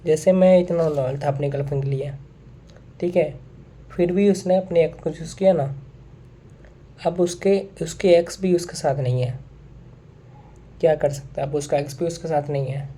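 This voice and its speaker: A man's voice: a little high, moderate pace, long pauses, dark tone. A young man talking straight to his viewers in a casual monologue, earnest and repeating his points, with English phrases mixed in. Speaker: vlogger.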